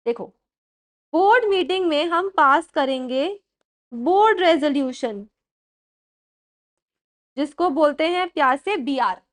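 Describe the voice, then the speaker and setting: A young woman teaching a class and mixing English terms into Hindi, dictating slowly, repeating points and checking that her students follow. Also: high-pitched, lively intonation. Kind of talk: classroom lecture.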